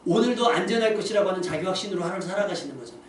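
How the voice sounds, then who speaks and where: A man's voice: high voice, animated, very fast. A man preaching a sermon as pastor in a church, conversational, asking the congregation rhetorical questions. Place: church sanctuary. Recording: echoey church hall from a distance, faint room noise.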